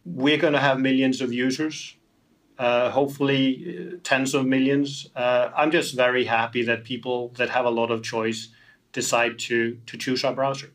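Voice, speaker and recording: A man from Iceland who founded a tech company responds to an interviewer in a steady, fairly bright voice of medium pitch at normal speed. He tends to repeat words whenever he starts a sentence over.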